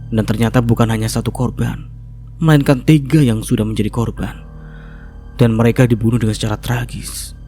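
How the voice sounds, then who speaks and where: A man reads a horror story in a steady, measured way. His voice is mellow and dark, and his pitch sits at an ordinary middle level. Faint music plays underneath. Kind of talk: scripted horror narration.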